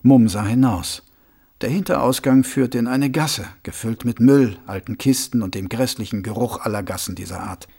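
A man narrating a novel as an audiobook in a lively storytelling manner. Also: mid-range voice, moderate pace, vocal fry, husky. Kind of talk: scripted narration.

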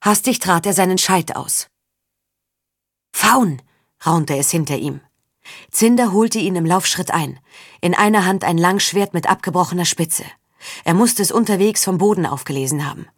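A woman reading a story aloud as an audiobook narrator, steady and even. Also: fairly low pitch, moderate pace, husky, no echo, clean studio sound. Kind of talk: scripted narration.

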